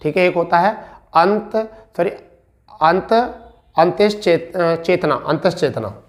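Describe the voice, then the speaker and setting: A man teaching spelling in an online exam-prep lesson. He repeats each word slowly, quizzes his students and calls them beta and bhaiya. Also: high voice. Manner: addresses listeners as beta and bhaiya. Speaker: Hindi teacher.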